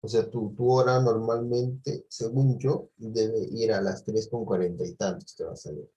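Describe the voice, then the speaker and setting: A man's voice: on the low side, fairly even intonation, moderate pace, dark tone, breathy edge, poor audio. A man teaching a math lesson, patiently walking students through a clock-angle problem and often checking that they follow. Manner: patient, asks "¿sí?" and "¿de acuerdo?" often, restarts phrases.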